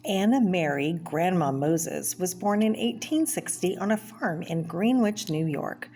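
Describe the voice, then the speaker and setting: In a homemade read-aloud video where background noise is clear, a woman with a lowish, warm voice reads a little slowly. She narrates a children's art book in a plain, explanatory style for young listeners, with brief asides of her own.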